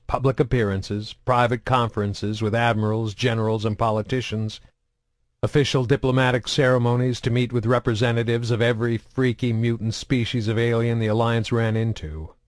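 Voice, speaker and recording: A man narrating a science fiction novel in a steady, measured reading style. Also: mid-range voice, dry recording. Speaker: audiobook narrator. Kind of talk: audiobook narration.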